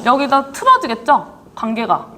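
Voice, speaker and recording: Slight background noise accompanies this woman's fairly high-pitched voice as she lectures at a moderate pace on leadership. Casual and lively, she repeatedly quizzes her audience and chats plainly with the students.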